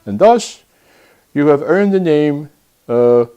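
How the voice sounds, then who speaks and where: A man co-hosting a comedy show, talking hesitantly with many pauses. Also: fairly high pitch, expressive, warm tone, clear, resonant tone, dull audio. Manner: hesitant, full of uh's. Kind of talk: comic banter.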